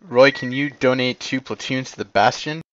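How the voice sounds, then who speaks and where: A man commanding players in an online war game, giving clipped orders and quick corrections over voice chat. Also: medium pitch, no echo, highs cut off.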